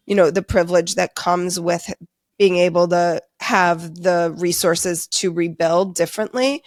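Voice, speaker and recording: A woman hosts a podcast interview with a fairly low voice. The sound is dry and close. She speaks in a thoughtful, empathetic way and builds her points at length. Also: dry recording. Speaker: podcast host. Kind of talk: casual interview conversation.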